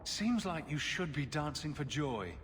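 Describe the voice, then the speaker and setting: A flippant, confident fantasy game champion. He talks directly in a mid-pitched voice with animated swings of intonation. There is clear noise behind him. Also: measured pace. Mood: wry. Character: wry male hero champion, confident, flippant. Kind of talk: video game cutscene dialogue.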